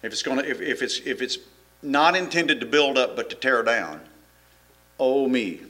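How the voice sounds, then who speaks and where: A man's voice: mid-range voice, expressive, normal speed, bright, forceful tone. A middle-aged man, preaching a folksy, rambling sermon full of restarts and chuckles. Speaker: pastor.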